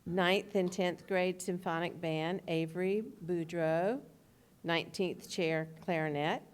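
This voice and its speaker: A woman's voice: lowish voice, fairly even intonation, clear, resonant tone. A woman, presenting student awards at a school board meeting and reading names carefully. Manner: measured, careful name reading.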